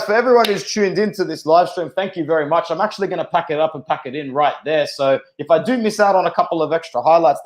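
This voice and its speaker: A young Australian man hosting a casual live football watch-along, excitable and slangy as he chats with viewers. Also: fairly high pitch. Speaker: live stream host.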